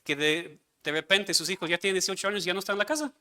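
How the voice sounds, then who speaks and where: A man's voice: high-pitched, very fast, sharp tone, clear, resonant tone. A man preaching a sermon as pastor, earnestly putting questions to his congregation.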